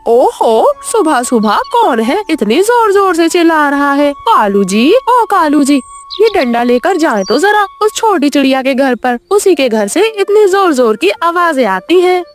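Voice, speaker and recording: A woman's voice: high-pitched, big pitch swings, a little slow, faint music behind. A woman voicing a lazy, spiteful female crow who bosses her husband around in a cartoon. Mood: irritated. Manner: bossy, complaining.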